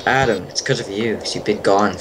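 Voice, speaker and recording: Low-voiced, teasing gamer guy. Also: brisk, noisy background. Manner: teasing, joking banter. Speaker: player in a game series. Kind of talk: casual gaming chat.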